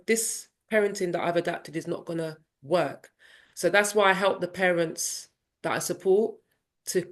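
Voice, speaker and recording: A woman in her fifties, a parenting coach, telling her personal story in an interview in a candid, reflective way and acting out family voices. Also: medium pitch. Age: 50s. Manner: animated, acts out family dialogue in voices.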